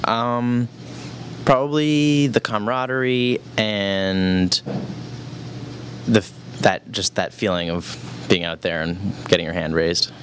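A teenage boy, a senior wrestler, answering interview questions in a relaxed, hesitant way with many fillers. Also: on the low side, slow pace, slight background noise. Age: teens. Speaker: student athlete interviewee. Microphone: handheld mic.

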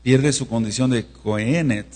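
A man from Mexico giving a teaching sermon as pastor, who checks in with the congregation and slowly spells out words. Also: mid-range voice, a little mellow. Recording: reverberant hall with mains hum.

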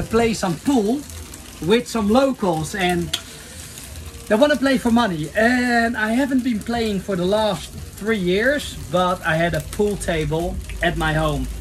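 Upbeat man vlogging from his sailboat. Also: sits high. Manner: upbeat, chatty, addresses viewers as guys. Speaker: sailing vlogger. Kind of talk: casual vlog to camera. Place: cabin of a sailing yacht. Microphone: phone or action camera at arm's length.

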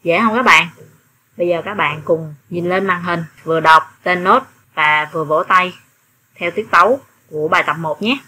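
Female primary music teacher, Southern Vietnamese accent, bright and lowish voice, slow deliberate delivery. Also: slight background noise. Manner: slow, clear instructions with rhythmic counting and chanting. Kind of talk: online music lesson.

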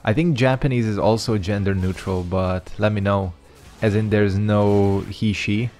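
Soft music plays behind a young Hungarian-native gaming host as he casually rambles over his own fighting game bouts with slang and many fillers. His voice is lowish and darkish, with fairly even intonation and a measured pace.

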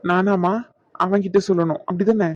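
A man's voice: high-pitched, level tone, moderate pace, no room sound. A timid elder brother, as a man acts him out in a cartoon, grumbling nervously. The recording is slightly muffled and dry.

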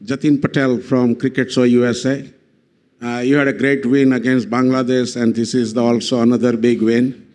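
A male reporter with a mid-range voice. He asks a halting, slow question at a press conference. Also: mid-range voice, little pitch movement, a little mellow.

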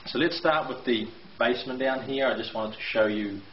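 A middle-aged renovation contractor with a medium-pitched voice at a moderate pace gives a video tour of a house being renovated, explaining construction details hesitantly with many fillers. He films on a handheld camera mic indoors in a bare brick basement, and the audio is echoey, dull, and lo-fi with a faint hiss.

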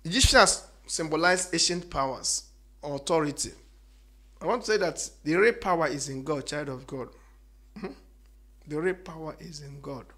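A man preaching emphatically, repeating phrases and swinging between loud declarations and quiet asides. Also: a little high, moderate pace. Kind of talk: preaching monologue.

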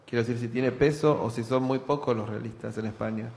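A man with an Argentine accent asking a long question from the audience, filling pauses with "eh". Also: medium pitch, steady tone, creaky, a little mellow. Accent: Argentine Spanish. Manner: fills pauses with "eh", drawn-out question. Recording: reverberant auditorium.

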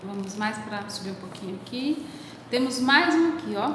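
High-voiced teacher in echoey room. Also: female voice, lively intonation, moderate pace, a bit bright, a little hiss or hum. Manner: patient, explains step by step; affectionate toward pupils. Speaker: primary school teacher. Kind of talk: recorded lesson for young pupils. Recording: very echoey room with long reverb.

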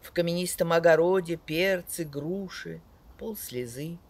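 An older woman reciting verse outdoors in a dramatic declamatory style, measured and expressive, swelling on key words and letting line endings fall. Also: lowish voice. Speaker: poet reciting another poet's verse. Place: outdoors in a leafy garden beside a wooden house and on wooded paths.

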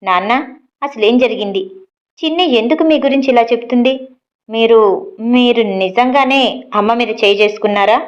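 A woman voicing a young adult son who confronts his father in a storybook reading, sharp and reproachful. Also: on the high side, normal speed, long pauses, lo-fi sound, lightly acted.

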